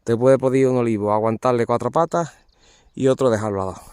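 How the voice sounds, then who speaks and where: A man's voice: medium pitch, fairly even intonation, a little fast, darkish tone, clear, resonant tone, no room sound, studio quality. A man, explaining olive pruning outdoors in an olive grove, informal and constantly pointing things out to viewers. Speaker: olive pruner. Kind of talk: hands-on field demonstration.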